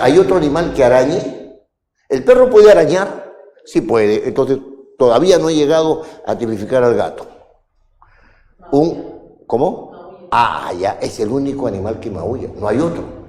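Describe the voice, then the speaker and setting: A man's voice: mid-range voice, sing-song, moderate pace, pauses often, warm tone, big-room sound. A male instructor giving a classroom lecture, often checking with his students whether they follow. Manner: questioning, checks understanding with "¿no es cierto?". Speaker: law school instructor.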